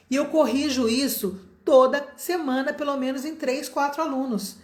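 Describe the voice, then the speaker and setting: Brazilian woman teaching English, echoey. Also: sits high. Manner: explains patiently, stretching out example sentences slowly. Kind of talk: online English lesson.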